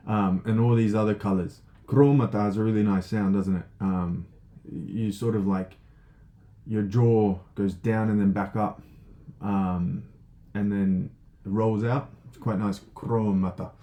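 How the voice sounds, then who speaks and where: A man with a low, mellow voice gives a relaxed spoken lesson. He thinks aloud, leans on fillers and keeps asking "right?" as he goes. When he reads a passage he slows down and sounds each word out with care. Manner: reads passages slowly and carefully. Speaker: teacher.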